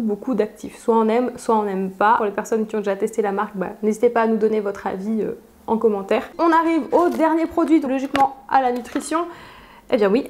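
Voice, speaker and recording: A young woman with a fairly high voice chats casually through an unboxing, filling pauses with little hesitations. She laughs easily and keeps an easygoing, conversational flow. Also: darkish tone. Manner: chatty, laughs often, frequent fillers. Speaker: beauty vlogger.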